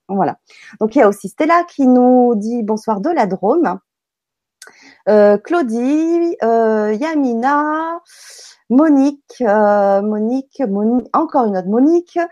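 Woman host, warm and friendly, dry studio sound. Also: a little high, no room sound. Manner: friendly, many fillers. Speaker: host of a live online show. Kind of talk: casual live interview hosting.

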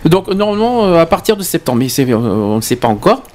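A man hosting a local radio show, excitable and jokey, stumbling over his words. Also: fairly high pitch, fast talker. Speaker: radio host. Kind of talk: casual live radio banter. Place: local web radio studio.

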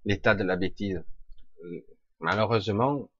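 A man with a raspy, scratchy-throated voice delivers an opinionated, informal monologue. His intonation swings widely as he hammers his points with rhetorical questions and blunt slang. The sound is dull and lo-fi. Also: on the low side, animated, a little slow, no echo. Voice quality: husky, raspy. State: throat scratchy with occasional coughing. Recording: dull, lo-fi close recording.

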